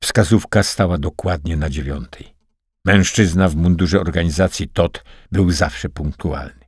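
Deep husky male audiobook narrator. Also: unhurried, no echo, clean studio sound. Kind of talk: scripted narration.

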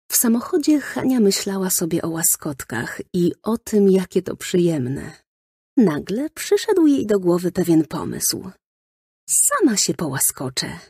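A woman narrating a children's storybook in a lively storytelling manner, recorded close in a studio. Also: fairly low pitch, slightly rough, dry recording. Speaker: audiobook narrator.

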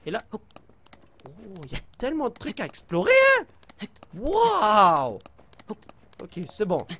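A man with a Québécois French accent giving excitable gameplay commentary, reacting loudly and talking straight to his viewers with English exclamations mixed in. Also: high-pitched, slow pace, slight background noise. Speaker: let's play host.

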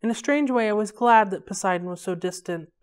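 Smooth-voiced woman reading a novel aloud. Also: medium pitch, fairly quick. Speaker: library read-aloud host.

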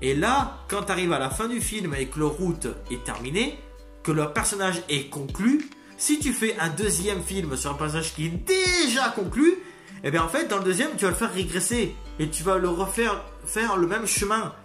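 Excitable male reviewer who rambles and curses, recorded in a roomy space with soft music under him. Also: high voice, moderate pace. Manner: rambling, excitable, swears freely. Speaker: video critic. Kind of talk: casual spoken review. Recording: roomy echo, faint music behind.

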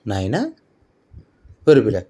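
A man's voice: fairly low pitch, very animated, measured pace, dark tone. A man coaxing his pet cat in doting baby talk at home late at night. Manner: coaxing, doting sing-song. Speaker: pet owner.

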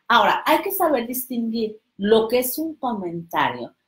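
A woman, coaching on self-esteem in a casual, expressive talk and acting out the voices she quotes. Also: on the high side, normal speed. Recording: echoey room.

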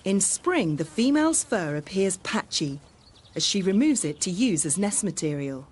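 Low-voiced woman narrating a nature documentary. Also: sing-song, moderate pace, husky.

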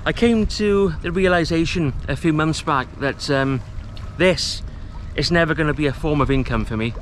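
A man in his thirties from Wales, chatting easily to the camera outdoors on a rocky estuary shore while he fishes, relaxed and self-deprecating. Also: a little high, moderate pace, slight background noise. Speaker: fishing vlogger. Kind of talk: casual talk to camera. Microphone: camera mic, close framing.

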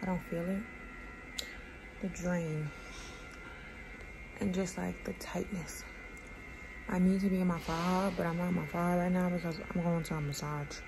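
A woman's voice: lowish voice, fairly even intonation, normal speed, gravelly, pauses often, music in the background. A young adult woman talking casually to her vlog, sounding weak and weary as she recovers from surgery, holding a phone at arm's length indoors. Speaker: vlogger. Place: small indoor rooms with bare walls. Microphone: phone held at arm's length. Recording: noisy handheld phone audio.

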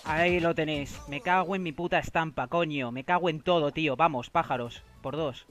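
A young man from Spain with a Spanish accent, streaming live and commenting on his game, excitable and quick to swear as he talks to viewers. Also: fairly high pitch, soft background music.

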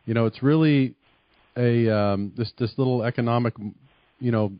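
A man's voice: medium pitch, moderate pace, no room sound, lo-fi sound. A man hosting a radio show near San Francisco, asking long, rambling questions of a guest. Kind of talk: interviewing a guest.

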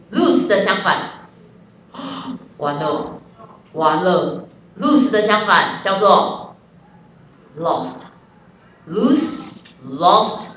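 A woman's voice: medium pitch, a bit bright, reverberant, recorded from a distance. A woman with a Taiwanese Mandarin accent teaching an English class, chatty and joking, spelling words out letter by letter. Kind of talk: classroom lesson.

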